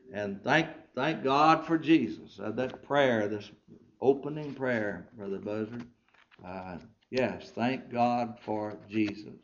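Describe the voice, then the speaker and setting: Man, preacher, fervent sermon, trailing soft phrases, dull lo-fi sound. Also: mid-range voice. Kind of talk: sermon to ministers.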